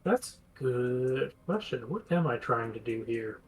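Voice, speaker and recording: A man's voice: medium pitch, big pitch swings, measured pace, rough recording. A man playing a tabletop game, thinking aloud as he plans his turn and explains the rules. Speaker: player.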